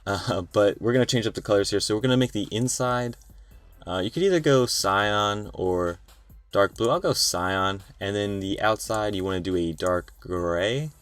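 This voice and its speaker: A young man with a very low, deep voice talks through a software design tutorial in a tired, loose, rambling way. Faint music plays quietly under him, with the clack of keyboard typing. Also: normal speed, dry recording. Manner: tired, relaxed, rambling with fillers. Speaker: tutorial host. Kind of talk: screen-recorded software tutorial.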